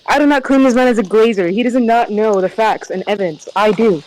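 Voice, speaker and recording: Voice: mid-range voice, fairly quick, a little mellow, rough recording. A co-commentator bantering casually, clowning around with playful bragging.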